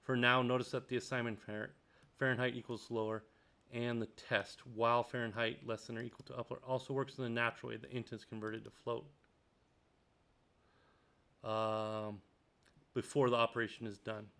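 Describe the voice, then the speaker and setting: Reading aloud from a textbook and then commenting as he codes, a man records a screen-captured programming tutorial, thinking out loud with lots of ums and uhs. His clean, mid-range voice moves at a moderate pace with little pitch movement and long pauses.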